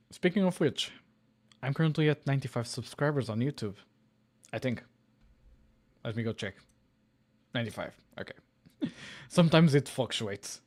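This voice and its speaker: A man's voice: mid-range voice, darkish tone. A man hosting a live coding stream, talking casually with his chat. He chuckles often and trails off mid-sentence.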